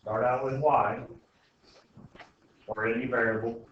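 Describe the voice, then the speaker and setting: Indoors at school, a man teaches algebra casually, asking frequent questions to make sure students understand. His voice is mid-range and steady and a little slow, captured by a distant, muffled mic in a very echoey, noisy classroom.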